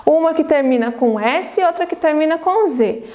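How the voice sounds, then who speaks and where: A Brazilian Portuguese woman teaching a primary school class on video, dictating words slowly and cheering the children on. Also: high-pitched, expressive, a little mellow. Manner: slow, drawn-out word dictation with encouraging prompts. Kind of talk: recorded video lesson for children.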